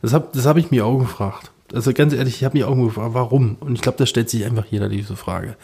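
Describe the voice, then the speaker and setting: A man's voice: medium pitch, fast, gravelly, husky. Rambling man telling a story. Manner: animated storytelling, many fillers and restarts. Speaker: podcast co-host. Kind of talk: casual chat.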